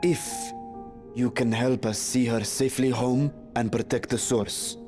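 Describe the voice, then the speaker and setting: Man acting stern, mid-pitched noble warrior. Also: steady tone, a little slow, lightly acted. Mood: stern resolve. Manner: formal, resolute. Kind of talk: video game voice acting. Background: game music behind the voice.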